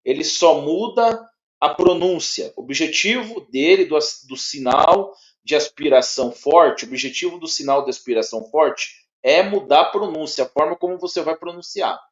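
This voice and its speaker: Brazilian male tutor, slightly high pitch, stop-start and repetitive delivery, muffled lo-fi audio. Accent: Brazilian Portuguese. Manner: halting, repeats words, checks in often with tags. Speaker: teacher. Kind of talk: one-on-one spoken lesson. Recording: dull lo-fi sound.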